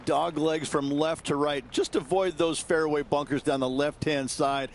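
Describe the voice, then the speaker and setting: A man's voice: fairly high pitch, steady tone, a little slow, slight background noise. A man playing a knowledgeable, matter-of-fact golf commentator who analyses the course.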